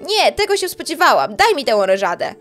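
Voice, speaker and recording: A woman's voice: high-pitched, very animated, a little fast, fairly bright tone, soft background music. A woman voicing a selfish young ghost witch girl in a game, whiny, petulant and pushy. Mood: bratty.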